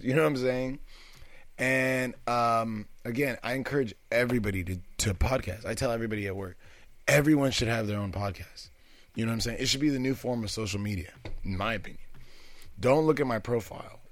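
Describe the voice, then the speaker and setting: A man's voice: on the low side, no echo. A man hosting his own podcast from a recording booth with two studio microphones. He chats casually and upbeat, and often checks in with "you know what I'm saying.". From California. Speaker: podcast host. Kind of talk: casual solo podcast monologue. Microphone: two studio microphones, switching between them.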